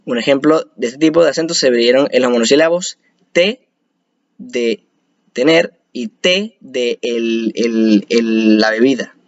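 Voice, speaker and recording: A man's voice: mid-range voice, a little slow, no room sound, highs cut off. A man presenting a spoken lesson on spelling rules, explaining step by step with frequent restarts and hesitations.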